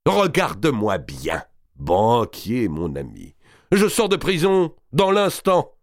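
A man's voice: very animated, unhurried, no echo, studio quality. A man reading aloud, voicing a huge boisterous nobleman who bellows and mocks. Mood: mocking. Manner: booming, bellowing, sarcastic laughs.

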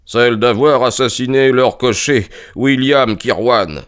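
A man voicing a sharp, authoritative middle-aged detective with a cool, clipped delivery. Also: mid-range voice, a little slow, smooth, pitched above the performer's own voice, lightly acted. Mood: urgent.

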